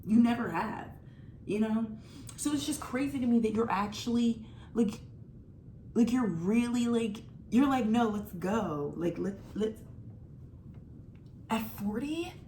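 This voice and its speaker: Slight background noise sits under this woman's mellow voice, which is on the high side. Her movie commentary, given in her twenties, is emphatic and chatty, full of filler like "like," with a pace that moves from fast to drawn out.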